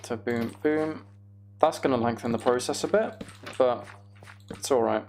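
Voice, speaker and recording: Hosting a live gaming stream, a man with a medium-pitched, slightly mellow voice speaks at a measured pace. He talks casually with viewers and mumbles through each step of what he's doing, with keyboard typing and clicking clearly heard.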